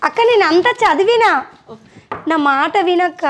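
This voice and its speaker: An actress playing a frank young village wife, with an earnest, steady way of talking. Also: female voice, very high voice, moderate pace, slight background noise. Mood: confronting. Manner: earnest, consoling then confronting. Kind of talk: village comedy drama acting.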